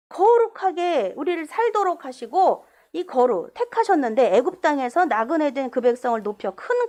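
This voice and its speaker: A woman pastor preaching a sermon in a church, animated, with sudden loud bursts and quiet asides. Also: high-pitched. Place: church sanctuary.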